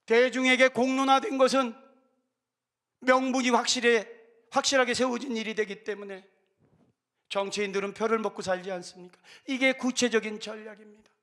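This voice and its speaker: A man in his fifties delivers an urgent, impassioned church talk. His voice sits high and sounds forceful and tense. He pleads with fervor. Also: fairly even intonation, moderate pace. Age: 50s. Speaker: film director giving a church talk. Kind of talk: impassioned exhortation.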